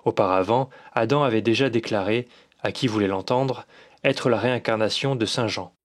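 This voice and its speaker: A man reading a scripted documentary voice-over in a measured, dryly critical manner. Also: lowish voice. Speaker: documentary narrator. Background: music.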